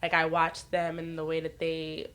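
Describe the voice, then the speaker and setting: This podcast guest, a woman in her twenties from the American Northeast, has a deep, monotone, somewhat bright voice and a moderate pace. Chatting candidly and casually, she recounts frank personal stories, laughs a lot, and acts out others' lines.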